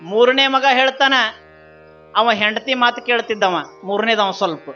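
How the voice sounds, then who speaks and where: A male preacher with a North Karnataka accent tells a story in a high, bright voice, repeating phrases and putting questions to the audience. The recording sounds slightly dull, with faint Carnatic music underneath. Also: moderate pace. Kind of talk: sermon storytelling.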